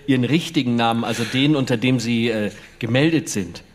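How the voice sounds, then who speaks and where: A man's voice: mid-range voice, brisk, lightly acted. Eager salesman, polite and hesitant, read by a man. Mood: flustered. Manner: eager, helpful tone with hesitant fillers. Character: eager, polite middle-aged male salesman.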